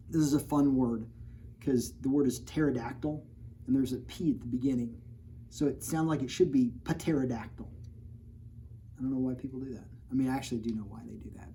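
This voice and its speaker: A man with a warm, mid-range voice reads his own picture book aloud at a children's storytime, with a little hiss or hum in the recording. He talks straight to the kids in a playful, jokey way, putting on mock outrage at his own story in his asides.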